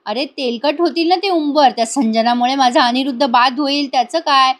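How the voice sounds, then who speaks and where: A woman's voice: sits high, normal speed, natural voice. A woman voicing a fussy, anxious old grandmother who hisses and calls out insistently. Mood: fretful.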